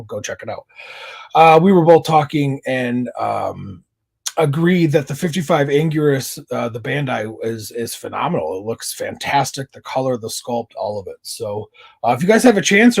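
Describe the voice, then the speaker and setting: A man's voice: medium pitch, darkish tone. A man talking casually in a collector haul video, chatty and enthusiastic, with many fillers. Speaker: collector vlogger.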